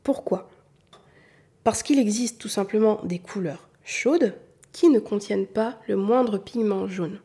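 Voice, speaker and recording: A colour analysis consultant from southern France speaks in a mid-range, warm, slightly rough voice at a somewhat slow pace, her southern French accent faint and mostly hidden. She patiently explains a lesson straight to the viewer, repeating her key points.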